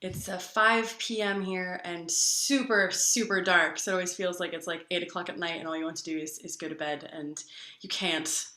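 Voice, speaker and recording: A bubbly woman guest talks in a casual video-call interview. Her voice is bright and forceful, with a lowish pitch, and it rings in a roomy space. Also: fairly even intonation, moderate pace.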